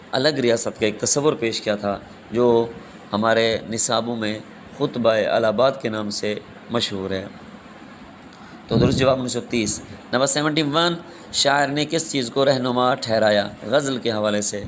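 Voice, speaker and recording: A man's voice: medium pitch, a little hiss or hum. A man teaching a class, reading exam questions and their options aloud, then giving the right answer and calling his students "beta".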